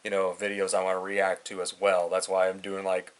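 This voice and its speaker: A man's voice: low voice, completely flat delivery, a little fast, clean tone. A man hosting a reaction video, rambling loosely and thinking aloud. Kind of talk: casual reaction commentary.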